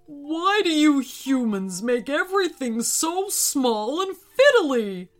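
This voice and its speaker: A woman's voice: high voice, very animated, slow, soft background music, voice pushed up, exaggerated voice. A woman voicing a huge, grumpy but friendly male yeti who grumbles with a folksy, exasperated manner. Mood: frustrated.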